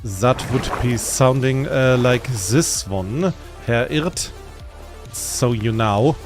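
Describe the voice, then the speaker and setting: A man with a German accent talks to his stream viewers in a slow, unhurried way, his voice sitting at an ordinary middle pitch. He rambles, laid-back and self-deprecating, with quiet music playing faintly in the background. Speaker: game streamer. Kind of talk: casual gaming stream chat.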